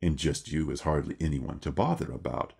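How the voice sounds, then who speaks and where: An electronically disguised Lucifer speaks in an extremely deep, dark, gravelly rumble. He lectures formally and deliberately, with dry irony and a lofty air. The filter gives the voice a husky, dark, unnatural edge. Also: animated, heavily acted. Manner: formal, measured, wry and lecturing. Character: Lucifer, a male devil figure, lofty and lecturing. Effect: electronically altered deep voice. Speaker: video producer. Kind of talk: scripted monologue.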